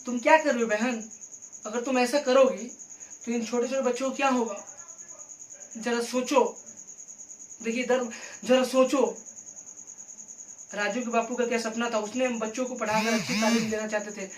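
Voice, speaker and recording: A man's voice: very high voice, fairly even intonation, normal speed, long pauses, echoey room, recorded from a distance, low-quality recording. A man voicing an older woman who soothes and coaxes a weeping widow. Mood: consoling.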